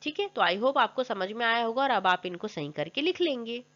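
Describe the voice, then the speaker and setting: Woman teacher, higher voice with animated pitch, self-questioning explainer; lo-fi muffled recording. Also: moderate pace. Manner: asks questions then answers them, frequent tag questions. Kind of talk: explaining school exercises. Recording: dull lo-fi sound.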